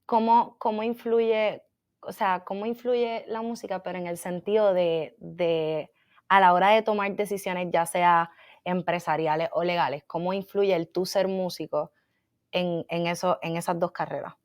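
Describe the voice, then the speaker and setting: A woman hosting an interview in an energetic, casual, slangy way. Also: fairly low pitch, normal speed. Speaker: interviewer, magazine host.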